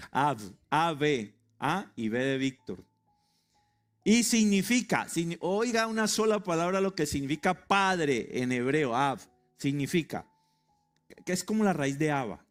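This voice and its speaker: Man preaching, middle-aged, lively rising and falling voice, fairly high, soft music behind. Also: takes it slowly, pauses often. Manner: animated and emphatic, spells out words, jokes with the congregation. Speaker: pastor. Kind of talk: sermon. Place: church sanctuary.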